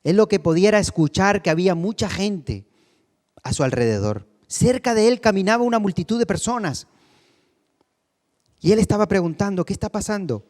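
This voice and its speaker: A man delivers a sermon as co-pastor, his voice pitched high for a man. He asks the congregation questions and climbs to loud cries. His words ring out with the long reverb of a large church hall. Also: animated, normal speed, long pauses. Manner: preaching with rhetorical questions, voice rising to cries when quoting.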